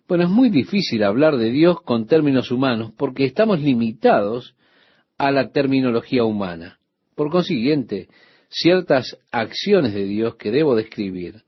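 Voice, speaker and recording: A man giving translated radio Bible teaching in a measured, deliberate way, with emphatic pauses between phrases. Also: mid-range voice, slightly rough, no room sound, highs cut off.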